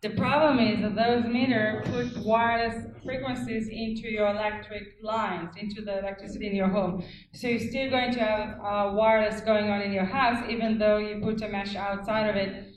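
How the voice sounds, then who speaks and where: A woman's voice: mid-range voice, fairly even intonation, normal speed, crowd noise. Woman speaker, firm and direct Q&A answers, echoey hall with an audience. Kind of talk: public Q&A answers. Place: public meeting hall.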